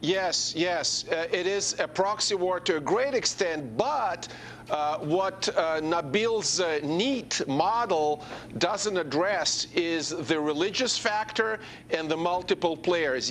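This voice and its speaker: High-pitched man weighing in on a panel. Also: animated, slow, a bit bright, a little hiss or hum. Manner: hesitant, with frequent fillers. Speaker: panel guest analyst. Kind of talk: televised panel debate.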